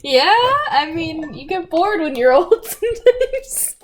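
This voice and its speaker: A woman's voice: very high-pitched, very animated, slow, noisy background. A woman player in a tabletop game chatting casually and laughing easily. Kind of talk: casual chat.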